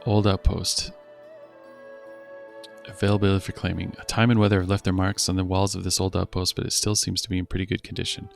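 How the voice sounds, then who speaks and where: Deep, gravelly gamer reading menus aloud. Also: male voice, flat delivery, fast, soft background music. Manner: reads game text aloud, thinks out loud with fillers. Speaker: let's play host. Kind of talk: casual video game commentary.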